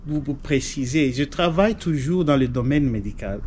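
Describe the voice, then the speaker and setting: A Congolese man in his forties, a doctor, talking in a measured, hesitant way as an interview guest. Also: medium pitch, animated, darkish tone, slight background noise. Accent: Congolese French. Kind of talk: casual interview.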